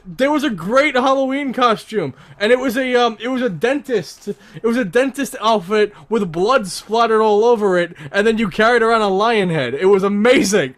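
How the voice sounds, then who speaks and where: A man's voice: very high-pitched, fairly bright tone. A young man co-hosting a casual podcast, teasing and laughing often as he talks with a friend. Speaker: podcast co-host. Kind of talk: casual chat. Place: home, on a call.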